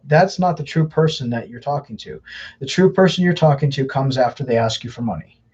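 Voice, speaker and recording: Answering viewers' questions live, a male host explains things casually and earnestly, giving advice and frequently repeating himself. He speaks fairly quickly in a medium-pitched, darkish, slightly rough voice, with the highs cut off.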